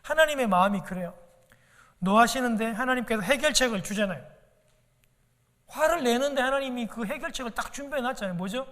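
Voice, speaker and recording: Guy preaching a sermon, really high voice, talks right to the congregation, church echo behind. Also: expressive, fairly quick, pauses often, a bit bright. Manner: earnest, keeps addressing the congregation directly. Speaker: pastor. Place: church sanctuary. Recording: long church-hall reverb.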